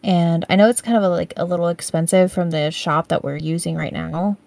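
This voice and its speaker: A woman co-hosting a podcast in casual chat, relaxed and full of fillers, laughing along with her friend. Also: lowish voice, fairly quick, creaky, no echo. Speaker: podcast co-host.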